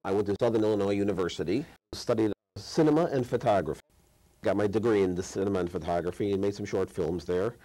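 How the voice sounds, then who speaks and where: A man's voice: fairly low pitch, fast, warm tone, low-quality recording. A man in his fifties from Chicago, a guest filmmaker in a studio interview, speaking thoughtfully with frequent restarts and trailing phrases. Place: TV studio set.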